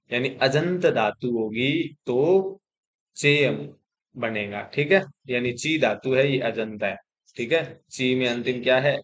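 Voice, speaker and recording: A man's voice: mid-range voice, fairly bright tone. Hindi-speaking man teaching Sanskrit grammar. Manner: explains step by step, often saying 'theek hai' to check in; recites Sanskrit rules, then restates them plainly in Hindi. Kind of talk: exam-prep grammar lesson.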